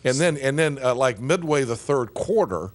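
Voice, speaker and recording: A man's voice: medium pitch, animated, moderate pace. An older man hosting a radio talk show, chatting in a folksy, teasing way. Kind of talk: casual radio chat.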